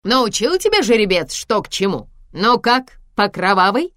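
A woman reading an audiobook voices a blustering aristocratic man who barks his lines loudly and irately. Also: on the high side, big pitch swings, normal speed, dry recording, clean studio sound. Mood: mocking. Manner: loud, irate, barking.

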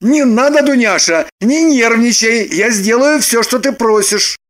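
A woman voicing a grumpy, blunt adult brother with a gruff, scolding way of talking. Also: a little high, measured pace, pitched above the performer's own voice, lightly acted. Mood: grudging.

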